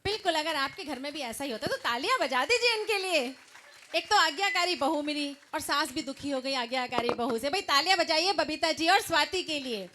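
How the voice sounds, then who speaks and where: Woman stage emcee, high-pitched, cheering on the audience. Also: animated, fairly quick, noisy background. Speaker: event emcee. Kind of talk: stage announcing.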